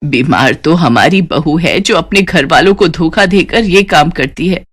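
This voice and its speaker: A woman voicing a stern older mother-in-law in a cartoon story, speaking slowly and scolding. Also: deep voice, expressive, breathy edge, pitched below the performer's own voice, full character voice.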